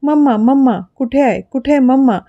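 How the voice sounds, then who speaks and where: A woman's voice: high-pitched, moderate pace, mellow, no room sound, muffled recording, pitched above the performer's own voice. A woman voicing a tearful two-year-old girl who talks in broken baby talk between sobs, in a storybook reading. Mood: crying. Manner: sobbing, lisping baby talk.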